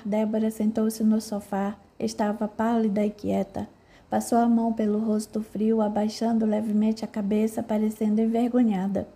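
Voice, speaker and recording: A woman with a Brazilian Portuguese accent narrating an audiobook in a steady, even storytelling manner. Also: mid-range voice.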